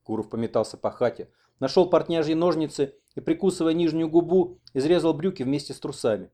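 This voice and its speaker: A man reading an audiobook in an expressive narrating style. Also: fairly high pitch, brisk. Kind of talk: scripted narration.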